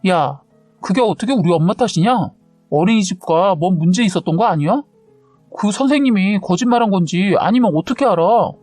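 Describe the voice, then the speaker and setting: A woman's voice: medium pitch, animated, fairly quick, a little mellow, dry recording, soft background music, natural voice. A woman voicing a curt, quarrelsome young husband who defends his mother, read on a close, dry mic in an audio story. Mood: angry.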